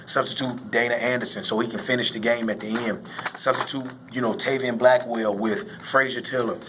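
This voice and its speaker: A male high school football coach speaks in a postgame interview at a middling pitch. He explains things casually but emphatically, repeating key phrases. There is slight background noise on the recording. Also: fairly even intonation, fairly quick.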